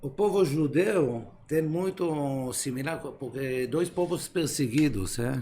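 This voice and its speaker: Man, born in Israel, podcast guest, hesitant, many fillers, slightly high voice, faint noise. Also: animated, slow, warm tone. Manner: hesitant, filler-heavy, broken Portuguese. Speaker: guest philosopher. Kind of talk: casual podcast interview.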